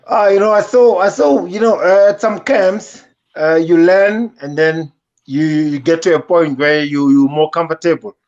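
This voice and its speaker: A man's voice: fairly high pitch, moderate pace, darkish tone, lo-fi sound. A man, a professional boxer answering interview questions hesitantly, with many fillers. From South Africa. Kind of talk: casual interview.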